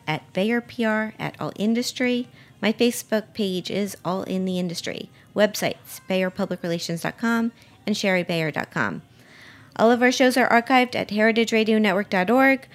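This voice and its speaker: A woman's voice: mid-range voice, moderate pace. A woman hosting a food radio show, chatting casually with her guest and restarting her sentences often. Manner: chatty with frequent restarts and laughs. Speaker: podcast host. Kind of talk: casual radio interview chat.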